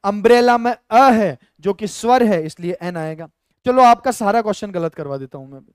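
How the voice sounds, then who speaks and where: A man's voice: high-pitched, expressive, normal speed, clear, resonant tone, no room sound, studio quality. A male teacher with a Rajasthani Hindi accent, explaining grammar step by step in a live online lesson and talking to viewers as friends.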